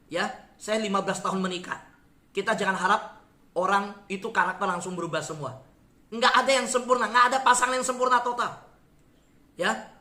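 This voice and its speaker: A man in his forties preaches in an earnest, chatty way and talks straight to his listeners as he tells a story from his own life. His voice is bright and clear. The room gives it a noticeable echo. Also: sits high. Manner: earnest, conversational, addresses listeners as "saudara". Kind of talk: sermon with personal testimony.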